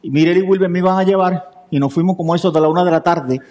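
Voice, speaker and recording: A man's voice: high-pitched, fast. A man preaching a sermon, telling a story and acting out each person's lines. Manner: lively storyteller acting out dialogue.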